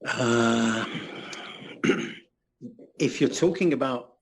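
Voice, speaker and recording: A man's voice: mid-range voice, very slow, breathy edge. A man in his sixties, a guest musician telling self-mocking stories in an interview. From England. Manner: storytelling, self-mocking, animated. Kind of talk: anecdotal interview chat.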